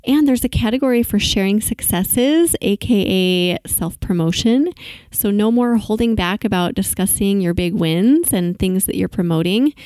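Upbeat lady podcast host, medium pitch, super dry close mic. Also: dark tone, no echo. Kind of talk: podcast interview.

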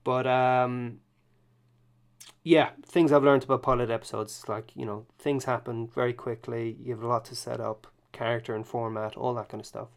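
A man's voice: medium pitch, flat delivery, normal speed. A man co-hosting a podcast, chatting easily about TV shows, chuckling and correcting himself as he goes. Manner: easygoing, chuckling, self-correcting. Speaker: podcast co-host. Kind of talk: casual chat about TV.

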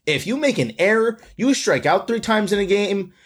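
A young man talks baseball in a loose, swearing, argumentative way. His voice is a little high and swings widely in pitch as he presses his points. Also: normal speed, slightly rough. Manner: animated, profane, argumentative. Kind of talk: casual sports chat.

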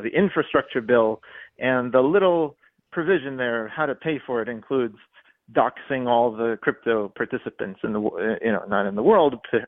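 A man calling in to a radio talk show, speaking over a phone line and rambling, halting often with fillers. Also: mid-range voice, no room sound. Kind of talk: call-in radio chat.

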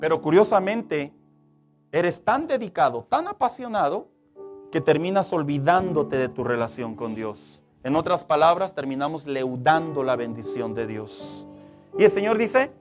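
High-voiced pastor preaching emphatically. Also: male voice, big pitch swings, measured pace, faint music behind. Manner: emphatic preaching, building to loud stressed phrases. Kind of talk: sermon.

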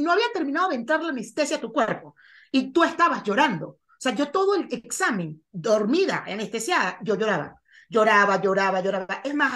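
A woman talking as a guest on a podcast over a video call, telling her story in an expressive, frank way. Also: high voice. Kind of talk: casual conversation on a video call.

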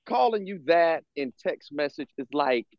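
A man with a fairly high, lively voice gives frank dating advice, repeating phrases to press a point. The sound is dull and lo-fi, close and dry. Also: unhurried, dry recording. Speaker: co-host. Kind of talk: casual podcast chat.

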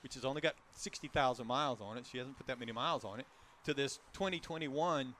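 A man's voice: medium pitch, fast talker, a bit bright, slight background noise. A man hosting a casual car talk show, chatting in a rambling way with restarts about a vehicle he drove.

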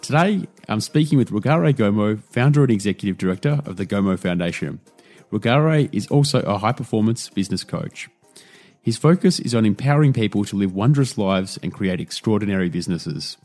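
A man hosting a podcast interview, upbeat and quick to laugh. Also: lowish voice, expressive, darkish tone, faint music behind. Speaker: podcast host.

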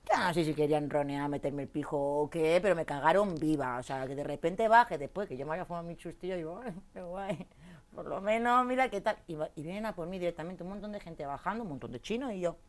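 A woman, an interview guest telling a rowdy story in casual chat, jumping between loud outbursts and low asides. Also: quick pace. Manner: coarse slangy banter. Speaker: interview guest, tattoo artist.

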